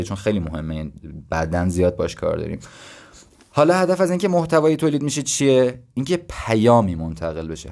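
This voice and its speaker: Low-voiced young man explaining casually. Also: warm tone. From Iran. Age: 20s. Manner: conversational and explanatory, thinking aloud with self-deprecating asides. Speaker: podcast host. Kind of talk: casual solo podcast talk.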